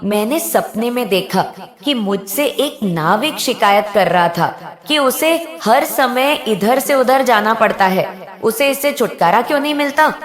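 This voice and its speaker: A woman voicing a cunning, gentle old foster mother in a cartoon story, speaking in a soothing, coaxing way. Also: fairly high pitch, lively intonation, a little slow. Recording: roomy echo.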